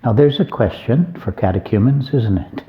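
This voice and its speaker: A man's voice: mid-range voice, normal speed, narrow, tinny audio. A man, an abbot, giving an informal homily on a Gospel reading, conversational and folksy, with joking asides.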